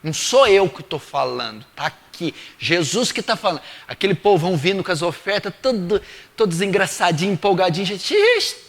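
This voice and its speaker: A man preaching a sermon, asking the congregation rhetorical questions and swinging between loud declarations and hushed lines. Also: sits high, lively intonation, fairly quick. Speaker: pastor.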